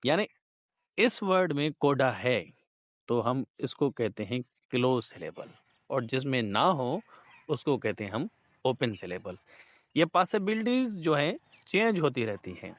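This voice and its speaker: A man teaching linguistics in a slow, deliberate lecture, mixing Hindi and English. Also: medium pitch, sing-song, no echo, studio quality. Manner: slow, deliberate explaining, words drawn out.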